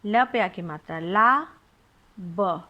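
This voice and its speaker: A woman's voice: mid-range voice, lively intonation, extremely slow, pushed and bright, lo-fi sound. A woman teaching young children to read, spelling words out syllable by syllable with patient questions. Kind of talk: children's phonics lesson.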